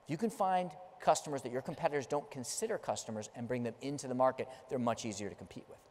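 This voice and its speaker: During his conference keynote, a middle-aged man walks the large stage and gestures, telling stories emphatically. He speaks fast in a darkish, mid-range voice, and the large hall lends it a long reverb.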